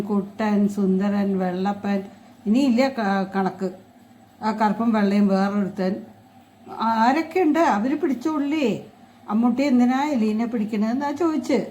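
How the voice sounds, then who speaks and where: A woman's voice: medium pitch, warm tone, rough recording. Woman coaxing her pet in sing-song. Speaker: pet owner filming her pet. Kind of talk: cooing talk to a pet.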